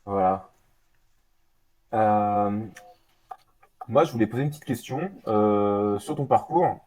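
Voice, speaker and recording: A man hosting a casual interview and putting relaxed, informal questions to his guest. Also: on the low side, slow, slight background noise. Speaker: podcast host interviewer.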